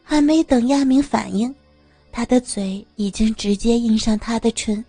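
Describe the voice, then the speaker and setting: Mellow-voiced woman narrating a story. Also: fairly high pitch, moderate pace, breathy edge, no echo, soft background music.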